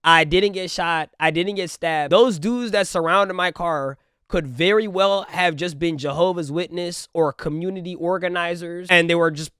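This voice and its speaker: A young man telling a comedic, profane storytime vlog in an animated, slangy way. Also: sits high, moderate pace, few pauses, clean tone, no echo, clean studio sound. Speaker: storytime vlogger. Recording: music playing loudly under the voice. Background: background music.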